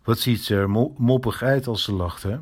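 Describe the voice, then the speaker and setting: A man's voice: medium pitch, moderate pace, a little mellow, husky, natural voice. A man reading a storybook, voicing an eager, lovestruck teenage boy.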